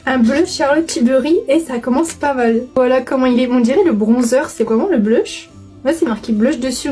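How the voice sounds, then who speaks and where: Young woman beauty vlogger, high voice, chatty and gushing, faint music behind. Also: dark tone. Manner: chatty and gushing, many fillers. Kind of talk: casual unboxing chat.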